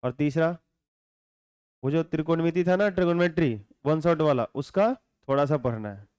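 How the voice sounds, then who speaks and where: A man with a Bihari accent teaching a class, talking calmly and without hurry, often asking the students to answer back. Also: a little high, clean tone. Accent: Bihari Hindi. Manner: calm, unhurried, keeps asking students to answer.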